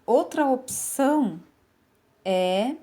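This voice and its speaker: A woman teacher demonstrating word games for a class, explaining patiently and stretching words out clearly. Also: high-pitched, lively intonation, very slow, warm tone, soft background music. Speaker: literacy teacher. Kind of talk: online lesson demonstration.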